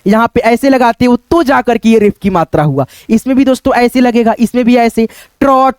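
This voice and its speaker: A man teaching how to read difficult Hindi words, sounding out each syllable slowly and repeating words, often checking in with his viewers. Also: extremely high pitch, a little mellow, no echo. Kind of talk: step-by-step spelling lesson.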